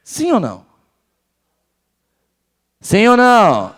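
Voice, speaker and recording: A high-voiced man with a southern Brazilian gaúcho accent speaks to a live audience in a large hall. He talks with an energetic, swooping delivery and keeps throwing questions at the crowd. His voice carries a long reverb from the room. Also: slow. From Porto Alegre, southern Brazil. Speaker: conference speaker. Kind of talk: live motivational business talk.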